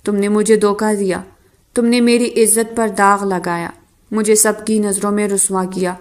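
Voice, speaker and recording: A hurt young wife, bitter and accusing toward the man who betrayed her, voiced by a woman reading a romance audiobook. Her voice sits at a medium pitch. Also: flat delivery, close to an everyday voice.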